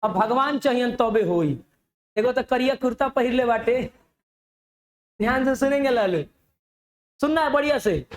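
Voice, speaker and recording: A man with a Bhojpuri-inflected Bihari accent teaching a live online reasoning class, animated and now and then shouting, calling his students "babu". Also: extremely high pitch, moderate pace, long pauses, reverberant. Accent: Bhojpuri-inflected Hindi, Bihar.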